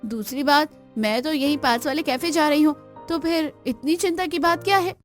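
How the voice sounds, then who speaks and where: A woman's voice: high-pitched, moderate pace, soft background music, lightly acted. A woman voicing a young, outspoken girl in a cartoon, pleading and indignant. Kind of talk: Hindi cartoon voice acting.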